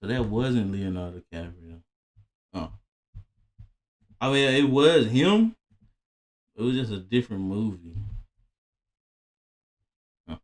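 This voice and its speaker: A young man streaming a reaction to a video, talking casually, exclaiming loudly and swearing freely. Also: on the low side, big pitch swings, slow, long pauses.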